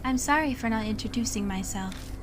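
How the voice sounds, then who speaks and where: A woman voicing a polite living doll maid in a horror game, too calm and creepy, with elegant, refined speech. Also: on the high side, fairly quick, background noise, voice pushed up, close to an everyday voice. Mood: calm, apologetic. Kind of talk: scripted visual novel character voice. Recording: music behind the voice.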